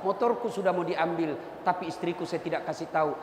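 A preacher voicing a hushed, worried husband in debt. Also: male voice, fairly high pitch, steady tone, fast, echoey room, big-room sound, slight background noise, pitched below the performer's own voice, close to an everyday voice.

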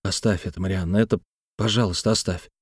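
Male reader as a bashful young man: low, quiet, hesitant lines in a dry close read. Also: fairly even intonation, fast talker, breathy edge, dry recording. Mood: embarrassed. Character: young man, shy, embarrassed and subdued.

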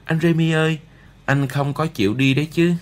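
A man voicing a young sickly boy who pleads in high, tearful cries, in an audiobook. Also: normal speed, a bit bright, lightly acted. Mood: pleading.

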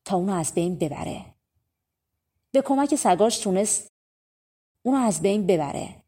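A woman reading an audiobook of folk tales, narrating in a relaxed, conversational storytelling way. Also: fairly low pitch. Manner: conversational, spoken-style telling. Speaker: audiobook reader.

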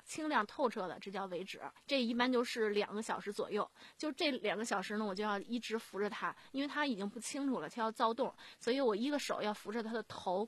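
An emergency nurse, a woman, tells her stories fast and earnestly, with plenty of fillers and restarts. Her voice sits a little high, and the recording is dry and close with no room sound. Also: no room sound. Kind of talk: personal storytelling in a radio interview.

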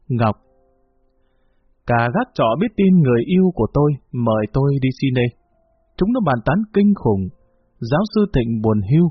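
A man narrates a novel, carrying the dialogue along in his own storytelling voice. His tone is slightly husky and sits at an ordinary middle pitch. The recording is dry and thin, like it came through a phone line. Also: no room sound. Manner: storyteller voicing dialogue lines. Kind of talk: audiobook narration.

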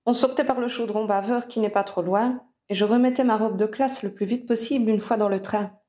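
Brief: grumbling young male wizard, sulky and wary, mellow tone, read by a woman narrator. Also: a little high, steady tone, a little fast, natural voice. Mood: reluctant. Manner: sulky, reluctant.

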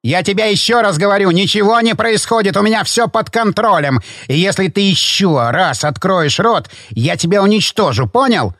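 A man's voice: high voice, animated, normal speed, few pauses, dry recording, studio quality. A man reading an audiobook, voicing a domineering older hotel owner who barks and bullies. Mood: furious. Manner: barking, bullying, shouting.

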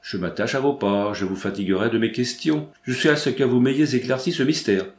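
Brief: man reading a courteous, bewildered gentleman, formal replies; roomy room. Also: medium pitch, brisk, close to an everyday voice. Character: polite, puzzled gentleman visitor.

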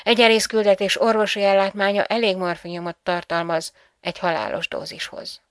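A woman's voice: medium pitch, level tone, smooth, dry recording, studio quality, lightly acted. A woman voicing a grave composed female psychologist. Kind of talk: audiobook reading.

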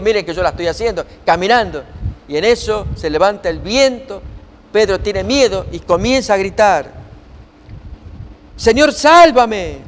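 High-voiced preacher in a reverberant hall. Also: male voice, a little hiss or hum. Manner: reads scripture aloud and asks the listeners rhetorical questions. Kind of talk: sermon-style Bible teaching.

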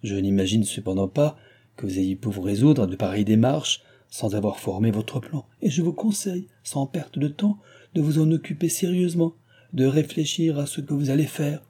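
A man's voice: mid-range voice, normal speed, mellow, slightly rough, voice pushed up, natural voice. Man doing a haughty aristocratic guardian. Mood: haughty, lecturing. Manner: haughty, lecturing.

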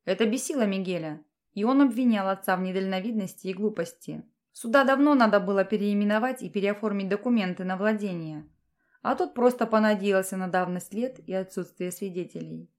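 A woman reading a fantasy romance audiobook in an even, measured narration. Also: medium pitch. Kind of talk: scripted narration.

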